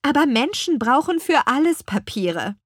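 A woman voicing an eager, earnest young apple witch girl in an audiobook, with a bright, pleading delivery. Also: sits high, very animated, normal speed, no echo, studio quality, pitched above the performer's own voice. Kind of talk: audiobook character voice.

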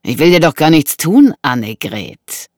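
An audiobook narrator voicing a menacing man with a knife, who taunts slowly and mockingly. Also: medium pitch, very animated, no room sound, clean studio sound. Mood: taunting. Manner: slow, taunting, drawn-out delivery.

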